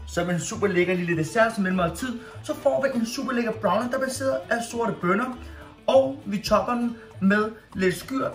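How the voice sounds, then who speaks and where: A man in his thirties, a fitness coach, talking playfully and theatrically through a cooking vlog in a small home kitchen. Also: sits high. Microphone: camera at medium distance. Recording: echoey kitchen with faint music.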